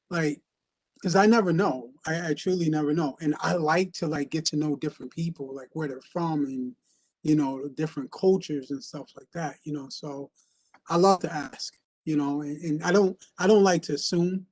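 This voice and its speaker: A man's voice: fairly high pitch, darkish tone. A man hosting an interview in a casual, chatty way, full of fillers and repeated starts. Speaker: host.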